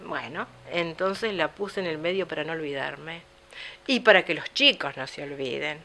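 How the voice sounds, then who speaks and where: A woman's voice: deep voice, normal speed. A middle-aged woman with an Argentine Spanish accent, a guest author telling a childhood story in an interview and acting out the dialogue. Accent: Argentine Rioplatense Spanish. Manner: animated, voicing her brother and herself.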